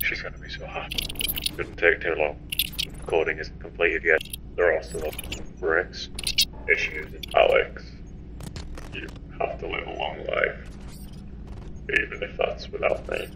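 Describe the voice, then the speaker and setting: Man playing a very deep, monotone inventor. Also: measured pace, pauses often, slight background noise, exaggerated voice, poor audio. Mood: troubled, tender. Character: devoted male inventor recording a private log. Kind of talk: film drama voice-over.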